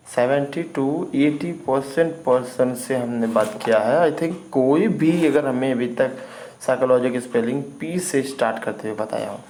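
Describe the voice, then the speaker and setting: A man's voice: medium pitch, a little mellow, a little hiss or hum, rough recording. A man teaching English vocabulary in an informal video lesson. He spells words out letter by letter and keeps checking in with his students.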